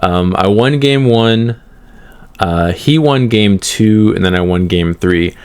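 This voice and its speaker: A deep-voiced man hosting a gaming podcast, talking through his matches in an easygoing, unhurried way. He pauses often with "um" and "uh" as he explains game rules. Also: a little mellow, smooth. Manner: laid-back, hesitant, frequent "um" and "uh". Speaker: podcast host. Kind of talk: casual chat recapping card tournaments.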